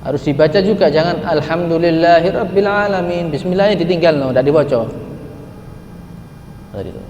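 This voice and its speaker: A man leads a religious study session, his slightly high voice carrying through a roomy, echoing hall. He keeps asking rhetorical questions and then stretches out sacred words slowly to show how they should be recited. A faint background hum sits under the recording. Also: a little mellow. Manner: asks rhetorical questions, slowly chants Quran words as examples. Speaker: religious teacher. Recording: echoey hall with faint ambience.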